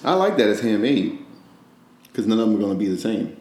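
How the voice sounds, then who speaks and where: A man's voice: fairly low pitch, sing-song, brisk, darkish tone. A man from Georgia with a Southern accent, teasing and arguing in casual banter with his partner. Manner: teasing, argumentative, laughs often. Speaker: comedian, podcast co-host. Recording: echoey room.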